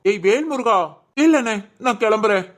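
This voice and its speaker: A woman's voice: fairly high pitch, normal speed. A woman voicing the members of a homemade family drama in an emotional, conversational way.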